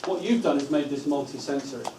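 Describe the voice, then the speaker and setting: A man's voice: mid-range voice, quick pace. Man leading a teacher workshop, echoey room. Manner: instructive, stretches words syllable by syllable. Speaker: teacher trainer. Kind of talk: training workshop talk. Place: school room with a live audience. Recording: echoey room from far off, noisy.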